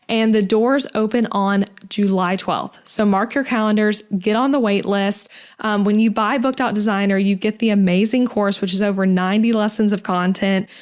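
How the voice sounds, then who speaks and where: This is a young woman with a light lilt, hosting a podcast. She talks in a warm, gushing, chatty way, with plenty of "um" and "like" sprinkled in. Her pitch sits right in the middle for a woman. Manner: gushing, chatty, many fillers like "um" and "like". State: pregnant. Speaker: podcast host. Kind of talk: casual interview and podcast intro.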